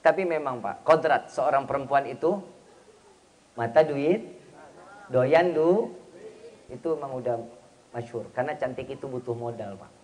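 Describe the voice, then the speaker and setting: A man's voice: mid-range voice, moderate pace, long pauses, darkish tone. A man preaching a humorous sermon in speech, teasing his listeners and acting out bits of dialogue. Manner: teasing, slangy, acts out quoted dialogue.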